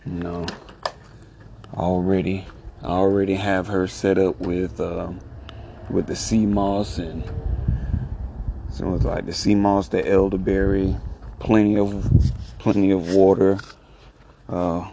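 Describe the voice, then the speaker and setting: Low, creaky, slow-talking man, subdued podcast host. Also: level tone, background noise. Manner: low, hushed talking so as not to disturb someone. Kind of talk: casual solo podcast talk.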